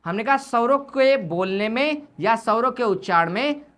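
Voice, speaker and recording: Teaching Hindi grammar in class, a woman speaks at normal speed in a fairly high, fairly bright voice with lively intonation. Her explanation is repetitive, going over key points and answering her own questions.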